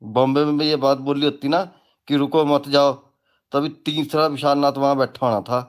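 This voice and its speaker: A man's voice: mid-range voice, fairly even intonation, normal speed. A man who presents himself as a tantric guru, ranting casually in a crude, mocking, rambling way. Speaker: self-styled tantric guru. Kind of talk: casual live rant.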